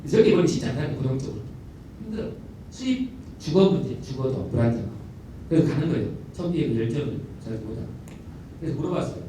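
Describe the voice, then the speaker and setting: A middle-aged man, a school principal telling stories in a lecture, animated and repeating words for emphasis, recorded from a distant mic in a large lecture hall. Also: medium pitch, fast talker. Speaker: elementary school principal giving a talk. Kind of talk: storytelling lecture. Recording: echoey hall, distant mic, faint noise.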